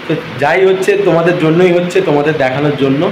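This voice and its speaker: Male travel vlogger, weary and chatty, recorded in a roomy space with steady background noise. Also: fairly high pitch, racing. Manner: chatty, talks straight to viewers. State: tired. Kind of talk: casual travel vlog talk. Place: hotel and beach town, indoors and out.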